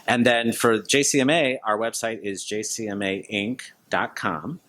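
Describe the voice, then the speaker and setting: A man with a fairly low voice speaks as a guest in an interview. His answers are casual and conversational. He links his thoughts loosely, in informal everyday phrasing. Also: fairly even intonation, moderate pace, fairly bright tone. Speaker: interview guest, business leader.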